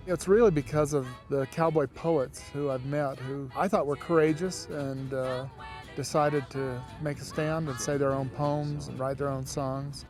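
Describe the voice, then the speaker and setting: A man's voice: mid-range voice, darkish tone. A man speaking thoughtfully in an interview as an event organizer. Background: music under the voice.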